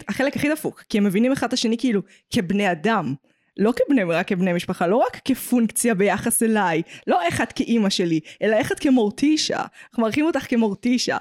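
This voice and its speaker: A woman's voice: on the high side, expressive, a little mellow, no echo, clean studio sound. A woman with an Israeli accent co-hosting a casual pop-culture podcast, opinionated and jokey, dropping in English phrases. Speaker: podcast co-host.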